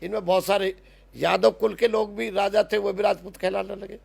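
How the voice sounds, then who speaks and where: A man's voice: sits high, flat delivery, normal speed, gravelly, darkish tone. A man making an impassioned spoken argument, stressing words and restarting phrases. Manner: emphatic, repeats and restarts words, lists places.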